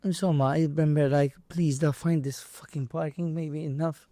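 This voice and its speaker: This interview guest from Malta, who boxes and trains boxers, spins casual, lively anecdotes and performs the dialogue and the hits himself. His English is non-native, with a Maltese accent. The voice sits a little high and sounds mellow, with fairly even intonation at a moderate pace, in a dry recording.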